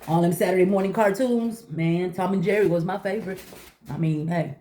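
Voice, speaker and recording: A middle-aged woman chatting casually to viewers while eating, telling stories in an animated way and acting out conversations. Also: fairly low pitch, a little fast, slight background noise. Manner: talking while eating breakfast. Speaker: vlogger.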